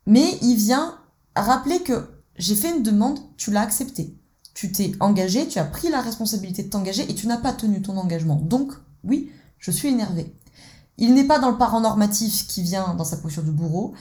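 A woman's voice: medium pitch, lively intonation, a little fast, darkish tone. A woman coaching on relationship conflict, talking casually and addressing the listener directly. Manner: conversational, addresses the listener directly, acts out dialogues. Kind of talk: explanatory teaching talk.

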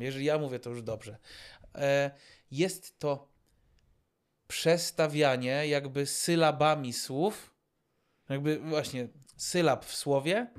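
A man co-hosting an unscripted podcast chat, with a voice pitched a little higher than most men. He talks loosely and hesitantly, circling back with fillers and half-finished words. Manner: hesitant, many fillers and restarts. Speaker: podcast co-host. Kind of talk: casual improvised chat.

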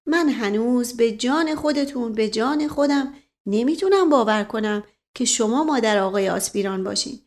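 A woman voicing a charming, smooth-talking older nobleman who coaxes and teases playfully in an audiobook. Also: sits high, pitched above the performer's own voice. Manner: coaxing, playful. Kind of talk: audiobook character reading.

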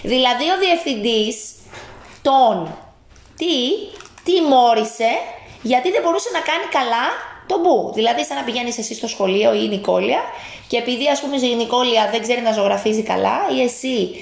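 A woman's voice: fairly high pitch, lively intonation, vocal fry, echoey room. A woman at home reading a picture book aloud to a child, stopping often to ask questions.

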